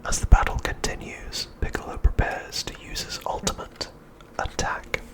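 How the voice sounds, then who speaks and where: Almost no voiced tone comes through as a man, an ASMR host, whispers breathily from start to finish. He reads a prepared recap with hushed, measured pacing, his steady, soft delivery resembling quiet storytelling.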